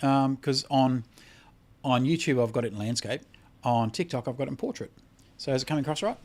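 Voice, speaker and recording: A worn-out Australian host of a casual credit repair livestream reads viewer comments and fires back bluntly, cursing a lot. His voice is mid-range and darkish, delivered fairly quickly.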